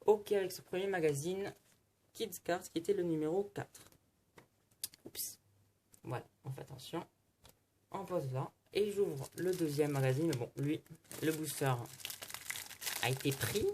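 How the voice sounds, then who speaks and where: A man's voice: on the high side, unhurried, long pauses, mellow, a little hiss or hum. A man casually narrating as he opens card packs and flips through magazines, keeping up a chatty running commentary. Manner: chatty running commentary while flipping pages. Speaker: card-opening vlogger. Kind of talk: casual unboxing chat.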